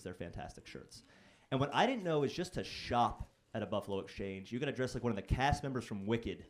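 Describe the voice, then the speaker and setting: A man performing a stand-up set on a comedy club stage, telling stories in a conversational, self-deprecating, wry way into a handheld mic. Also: on the low side.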